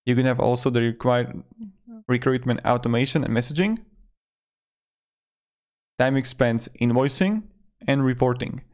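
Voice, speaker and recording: A video host in his twenties narrates a casual review with loose phrasing, his medium-pitched voice slightly dark in tone, at normal speed with long pauses. He's close to a desktop microphone in a small room.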